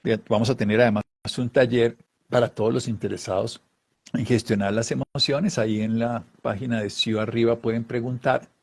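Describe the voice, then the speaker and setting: A man's voice: mid-range voice, fairly even intonation, normal speed. A man giving an explanatory talk on emotions, acting out little voiced examples. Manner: acts out little voiced examples, sometimes laughing. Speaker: wellness speaker.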